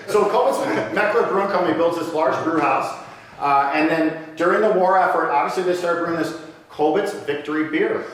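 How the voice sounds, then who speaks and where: A man's voice: a little high, normal speed, far from the mic. Chatty man lecturing in an echoey room. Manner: casual, joking, chatty with the audience. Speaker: lecturer on local brewing history. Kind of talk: public lecture with audience questions. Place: lecture room with a live audience. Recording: echoey room, voice from off mic, faint hiss.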